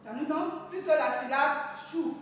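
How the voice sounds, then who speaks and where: A woman teacher giving an early reading lesson to children, pronouncing each sound slowly and carefully. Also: sits high, recorded from a distance, slight background noise. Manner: slow, careful enunciation of sounds, addresses children. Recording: echoey room heard from afar.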